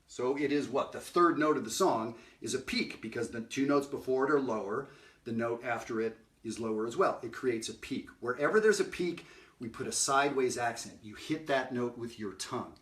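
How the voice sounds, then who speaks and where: A man's voice: mid-range voice, moderate pace, fairly bright tone, recorded from a distance. A middle-aged man giving a casual jazz lesson, talking conversationally, singing note examples and often asking "right?". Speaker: jazz educator. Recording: roomy sound from off-mic.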